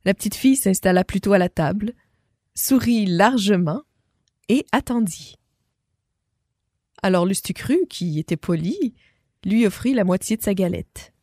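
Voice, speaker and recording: A woman reading a children's story aloud as a storyteller, expressive and speaking to a child listener. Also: medium pitch, unhurried, long pauses, no room sound, studio quality.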